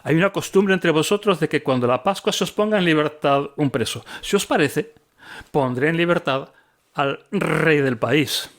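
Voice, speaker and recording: A man voicing a stern Roman governor in a Bible reading, questioning slowly and with emphasis. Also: on the high side, close to an everyday voice.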